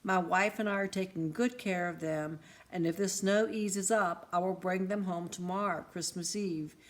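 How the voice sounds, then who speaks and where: A woman's voice: on the low side, fairly even intonation, moderate pace, close to an everyday voice. A woman reading the lines of an older man in a storybook, urgent and commanding. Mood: reassuring. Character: older man with a cheerful firm manner.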